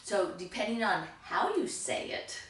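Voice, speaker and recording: A woman's voice: medium pitch, animated, a little slow, fairly bright tone. A woman co-hosting a casual discussion, explaining her points with examples and affirming her partner. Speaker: co-host. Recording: distant echoey room with faint noise.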